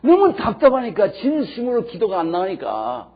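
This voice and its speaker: Man, pastor, sermon, husky, lively pitch, emphatic storytelling, dull lo-fi recording. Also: moderate pace. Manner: emphatic storytelling, swinging between hushed and loud.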